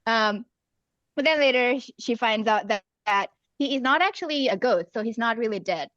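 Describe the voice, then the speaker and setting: A woman from Singapore, an author, chatting casually about her story, hesitant with many pauses and laughs. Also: a little high, lively intonation, fairly bright tone, no room sound. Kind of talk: casual chat. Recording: dull dry lo-fi sound.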